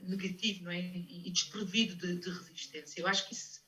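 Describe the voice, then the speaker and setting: A woman's voice: lowish voice, fairly even intonation, quick pace, bright, forceful tone, far from the mic, poor audio. A woman in her forties with a European Portuguese accent, a sociologist guest on a studio talk show who keeps tagging points with "não é?" between hesitant fillers. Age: 40s. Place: television studio.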